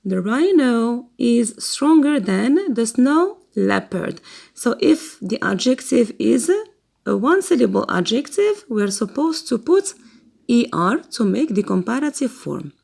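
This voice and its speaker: Female teacher for a grammar lesson, slow and patient, lively pitch, a bit gravelly. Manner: slow, patient, repeats words for students to copy. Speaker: English teacher.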